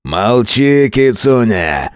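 A man voicing a hoarse, rough-voiced masked male fighter who speaks slowly and growls orders. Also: medium pitch, very animated, no echo, studio quality. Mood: menacing. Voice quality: hoarse, gruff. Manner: slow, demanding, growled.

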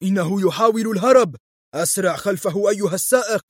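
A man's voice: on the high side, expressive, moderate pace, husky, dry recording, clean studio sound. A man voicing a furious, cunning male villain in an audio story, barking orders at his men. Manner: barking orders, angry and sly.

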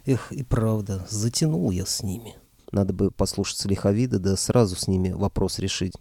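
A man's voice: fairly low pitch, gravelly, dark tone, no echo, clean studio sound. A man narrating a first-person fantasy audiobook in a wry, conversational way.

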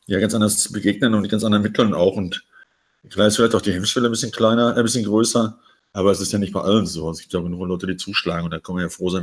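Ein Mann diskutiert im Podcast locker und meinungsstark und lacht oft. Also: male voice, fairly low pitch, slightly rough. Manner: quick, opinionated, laughs often. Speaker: podcast co-host. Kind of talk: casual chat.

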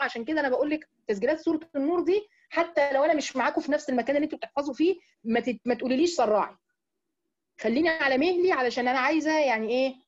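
Quick Egyptian woman teaching, dull recording. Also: sits high. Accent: Egyptian Arabic. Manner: explains with rhetorical questions and checks "right?"; stretches key words slowly for emphasis. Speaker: Quran teacher. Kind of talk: religious lesson to women.

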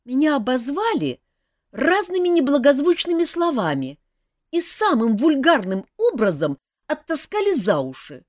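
A woman's voice: high voice, big pitch swings, moderate pace, darkish tone, no echo, studio quality, voice pushed up. A woman voicing a young male elf prince who talks in an earnest, pleading way.

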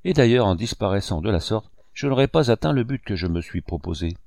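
A man reading the lines of a cold, bitter young male cashier bent on revenge, measured and cutting. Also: lowish voice, expressive, vocal fry, darkish tone, dry recording, clean studio sound. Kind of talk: audiobook character reading.

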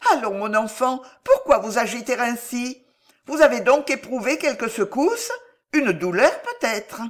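Brief: woman doing a sly old aunt in a storybook, high and fussing. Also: animated, measured pace. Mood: coaxing. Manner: coaxing, soothing.

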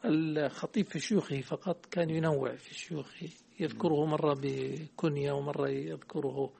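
A man's voice: on the high side, vocal fry, darkish tone, husky. A man teaching a hadith text in class, quizzing his student and correcting the readings.

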